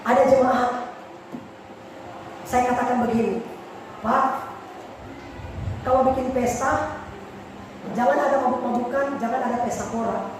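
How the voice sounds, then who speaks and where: A woman pastor preaching a sermon with passion, swinging from soft pleading to shouted warnings. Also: fairly high pitch, fairly even intonation, a little slow, pauses often. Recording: echoey hall, mic far off, noisy.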